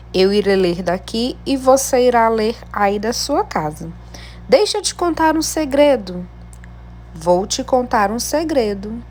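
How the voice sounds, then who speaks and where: A woman teacher, giving a remote lesson to young pupils in a slow, clear, encouraging way. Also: a little high, a little mellow. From Brazil. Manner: slow, clear, encouraging teacher delivery addressing children at home. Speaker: primary school teacher. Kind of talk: remote class lesson reading a textbook.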